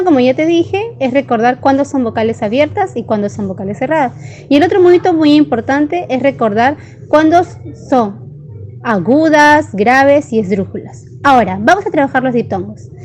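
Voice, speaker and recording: Brief: woman teacher, high voice, patient pace, sounds out each syllable for kids. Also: lively intonation, moderate pace, a little mellow, slight background noise. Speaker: primary school teacher. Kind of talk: online grammar lesson.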